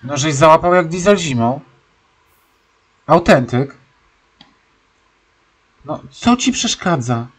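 A man's voice: fairly high pitch, animated, slow, long pauses, breathy edge. A young man giving casual, sarcastic commentary while playing a life-simulation game, scolding his stubborn horse. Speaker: let's-play gamer.

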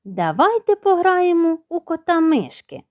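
Woman doing a sly purring cat, slow and flattering, storybook read-aloud. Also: very high voice, no echo, studio quality, pitched above the performer's own voice, exaggerated voice.

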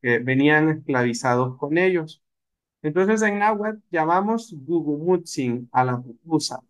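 A man teaching a live language lesson, slowing down to spell out example words. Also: a little high, expressive. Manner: explanatory, slows down to spell out words.

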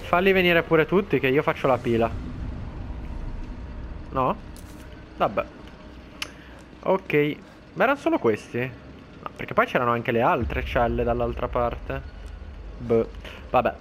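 A man talks his way through a horror game in a chatty commentary voice, taunting the enemies and breaking into sudden high yelps when something surprises him. His voice sits in a middle pitch, with faint game sounds behind it. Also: a little slow, long pauses, slight background noise. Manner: excitable, talks to enemies, shouts in alarm. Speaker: gameplay commentator. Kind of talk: let's play commentary.

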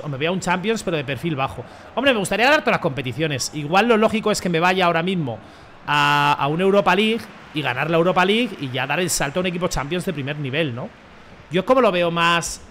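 A young man with a Spain Spanish accent, commentating his own football game casually, excitable and slangy, shouting when he scores. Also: sits high, a little hiss or hum. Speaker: gaming YouTuber.

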